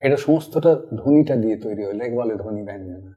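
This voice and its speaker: A man teaching recitation, explaining calmly and then acting out single words in a hushed or dramatic way. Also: on the low side, fast talker, dull audio. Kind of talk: teaching demonstration.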